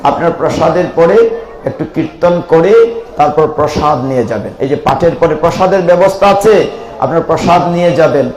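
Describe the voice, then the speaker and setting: A man's voice: a little high, fairly quick, darkish tone, echoey room, rough recording. A man giving a devotional sermon, impassioned and pleading, breaking into sung chants. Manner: impassioned, rising to fervent calls and sung chants. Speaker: Gita preacher.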